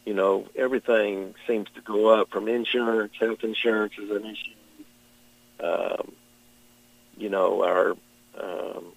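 Gravelly Kentucky farmer, flat and measured. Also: male voice, fairly low pitch, no room sound, low-quality recording. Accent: Southern American, Kentucky. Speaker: farmer, interview guest. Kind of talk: plain-spoken radio interview answers.

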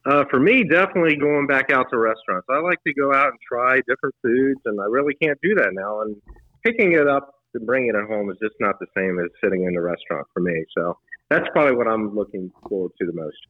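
A man in his forties with a deadpan, hesitant way of talking, answering questions in a casual family interview at home. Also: medium pitch, fast, no room sound, muffled recording. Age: 40s. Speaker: interviewee, uncle.

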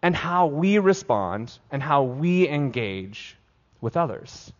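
A man's voice: on the high side, sing-song, slow. Male pastor, casual filler-heavy sermon delivery, lo-fi recording with long church reverb. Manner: casual, filler-heavy preaching with frequent "like" and restarts. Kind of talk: conversational sermon. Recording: dull lo-fi sound with long hall reverb.

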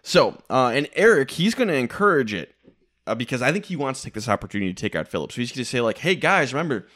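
A man co-hosting a podcast, recapping reality TV in casual, animated chat with frequent laughs. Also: mid-range voice, fast. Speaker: podcast co-host.

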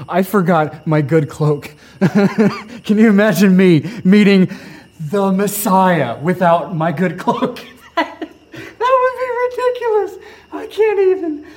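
A man playing a vain, excitable young shepherd in a comedic church skit, rambling and stumbling over his words. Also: high voice, slightly rough. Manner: excitable, rambling, laughing while talking.

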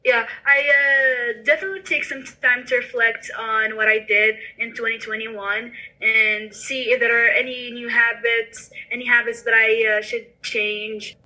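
A woman's voice: on the high side, steady tone, a little slow, bright, forceful tone, poor audio. A woman from Morocco with a Moroccan accent, answering conversationally as a podcast guest and explaining things step by step. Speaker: international student, podcast guest.

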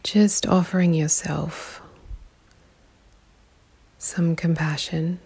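A woman guiding a meditation in a calm, soothing way, with long pauses and a soft, breathy, partly whispery voice. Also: sits low. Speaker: meditation guide. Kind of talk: guided meditation.

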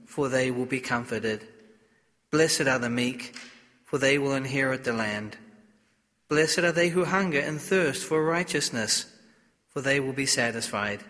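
A man, a priest, reading the Gospel and preaching at a funeral in a slow, measured, solemn way, with a long church echo on his voice. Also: fairly high pitch, fairly bright tone. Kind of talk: funeral homily. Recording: echoey church, long reverb.

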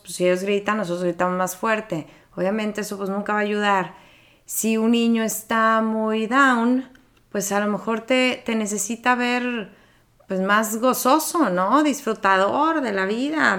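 Podcast host, woman, 40s, chatty and reflective, mid-pitched voice. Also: fairly bright tone. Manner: conversational, reflective, with tag questions and laughs. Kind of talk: casual podcast talk on parenting.

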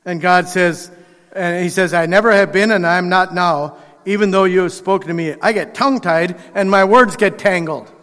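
A man with a high voice preaches in a loose, conversational way, acting out the quotes and restarting his phrases as he goes. His voice rings out with a long reverb, like a big church hall. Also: normal speed, fairly bright tone. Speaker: pastor. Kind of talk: sermon.

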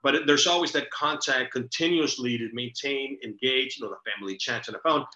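A man's voice: medium pitch, a little fast, sharp tone. Middle-aged man, from El Salvador, podcast host, earnest storyteller, echoey dull recording. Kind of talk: casual conversation.

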